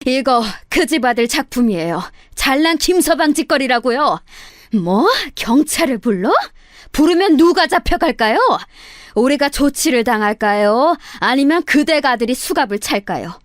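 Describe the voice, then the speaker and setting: A woman voicing an older mother furiously confronting her daughter's in-laws, shouting and scolding. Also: high voice, expressive, moderate pace, dry recording, studio quality.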